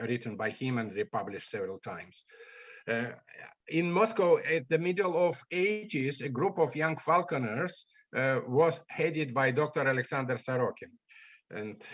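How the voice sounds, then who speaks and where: Ornithologist giving a remote talk. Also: male voice, mid-range voice, a bit bright. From Estonia. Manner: halting, non-native English with fillers. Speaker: guest speaker, ornithologist.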